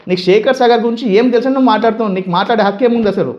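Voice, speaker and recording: Fast, heated Telangana-accented man. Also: extremely high pitch, a little mellow, muffled recording. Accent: Telangana Telugu. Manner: heated, scolding, rhetorical questions. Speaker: youth leader of a community association. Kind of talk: angry political statement to camera.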